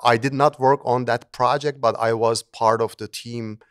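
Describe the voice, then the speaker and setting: This middle-aged man from Turkey, an engineering professor, is the guest in a conversational interview, speaking earnestly and often starting over or repeating himself. He talks at normal speed in a medium-pitched, clear, resonant voice with fairly even intonation, recorded cleanly in a studio without echo.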